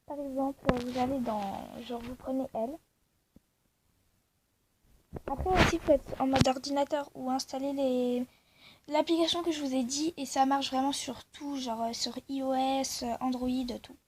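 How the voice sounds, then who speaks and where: A woman's voice: high-pitched, steady tone, normal speed. A young woman casually commenting on a game she plays, rambling with many fillers. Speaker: gaming video creator. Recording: faint background noise.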